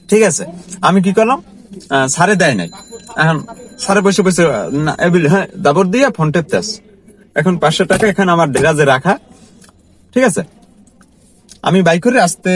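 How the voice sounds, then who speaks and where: A man with a somewhat high-pitched voice tells his vlog viewers a story from his work as a driver. He talks earnestly and casually, and he circles back to repeat his points. He keeps speaking straight to his audience. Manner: earnest, repetitive, conversational address to viewers. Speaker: car driver telling a personal story.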